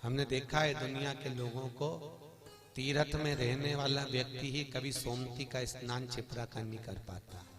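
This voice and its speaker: A man giving a lively devotional sermon. He teases and questions his audience, swinging between loud outbursts and soft, low asides. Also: normal speed, music in the background. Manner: lively, teasing, addresses the audience directly. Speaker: religious storyteller.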